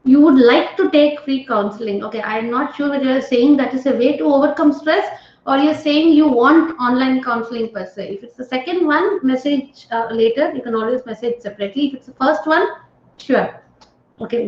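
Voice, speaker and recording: Woman trainer, high voice, keeps asking the group "right?", roomy and dull call audio. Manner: engaging, often checks in with "right?" and questions to participants. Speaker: stress management trainer. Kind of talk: online training lecture.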